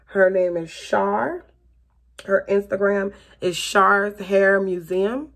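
Doing her makeup in a small bedroom, a Florida woman in her late thirties with a Southern accent chats her way through a get-ready-with-me vlog, rambling, laughing a lot, and addressing everyone as "you guys." Her medium-pitched voice is slow with fairly even intonation, recorded by a camera just in front of her.

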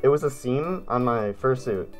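A man's voice: medium pitch, normal speed. Casual man making prank calls, music behind. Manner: feigned earnest, slangy. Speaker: prank caller and video host. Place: bedroom, indoors.

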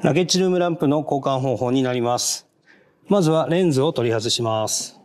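A man giving a polite, measured, step-by-step how-to narration on fitting car parts, marking each step with a short "hai". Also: medium pitch, a little mellow. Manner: polite, measured, repeats "hai" between steps. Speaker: product installation instructor.

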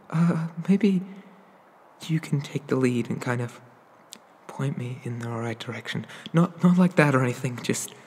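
The voice belongs to a man acting out a timid, clumsy, inexperienced incubus in an ASMR roleplay, heavily acted with stammers and apologies. It's husky and breathy, mid-range with a darkish tone, and sounds like it's in a big room.

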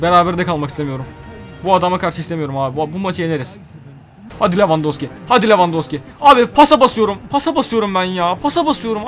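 A young man commentating his own football video game as he plays, excitable, shouting and groaning at every play. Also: sits high. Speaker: gaming YouTuber. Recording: faint game music behind.

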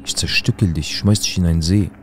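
A man's voice: low voice, steady tone, fairly quick, soft background music, close to an everyday voice. A man voicing a menacing skinhead thug. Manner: threatening, coarse street talk. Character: menacing hulking young skinhead man, threatening.

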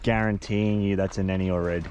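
Excitable Australian man on a fishing boat. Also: deep voice, fairly quick. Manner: loud, excitable, swears casually. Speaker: fishing vlogger. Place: outdoors on a boat at sea. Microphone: action camera. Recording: outdoor boat noise. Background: wind, water and boat engine.

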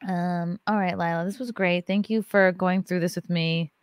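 A woman in her thirties hosts a casual livestream podcast from a neon-lit home studio, loose, joking and swearing freely. Her smooth voice is on the low side, with fairly even intonation at normal speed. She speaks into a large studio mic on an arm, giving a dry, close-miked sound.

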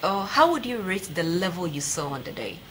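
A young woman with a Ghanaian accent hosts a TV sports interview from a studio desk, asking probing questions conversationally. Her voice is on the low side, very animated, a little fast, and fairly bright, with a little hiss or hum.

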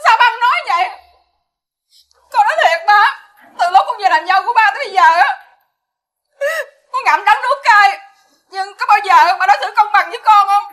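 Brief: tearful, defiant Southern Vietnamese daughter-in-law, very high and bright voice. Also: female voice, moderate pace, long pauses. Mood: aggrieved. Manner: pleading, emotional.

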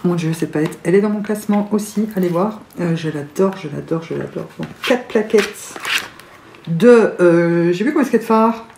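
A French-accented woman chats casually as a beauty vlogger, gushing and laughing often. Her voice is medium in pitch at a normal speed, recorded in an echoey room with faint noise.

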